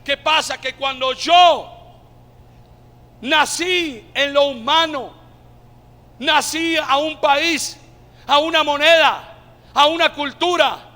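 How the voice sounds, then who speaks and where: Colombian preacher with a high, bright voice. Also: male voice, slow pace, long pauses, big-room sound. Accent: Colombian Spanish. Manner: preaching with shouted climaxes and call-and-response. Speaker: pastor. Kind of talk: sermon.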